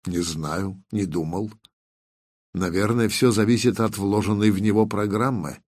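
Man reading a hushed, cautious explorer. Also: on the low side, steady tone, measured pace, no room sound, clean studio sound. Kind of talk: audiobook character reading.

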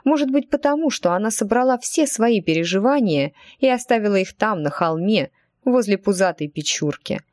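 A woman narrating an audiobook with expressive storytelling. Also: medium pitch, normal speed, no room sound, clean studio sound.

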